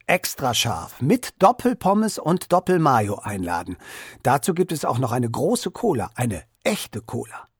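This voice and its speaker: A man narrating a children's story in an expressive, lively storytelling way. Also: mid-range voice, slightly rough, no room sound, clean studio sound. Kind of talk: children's story read-aloud.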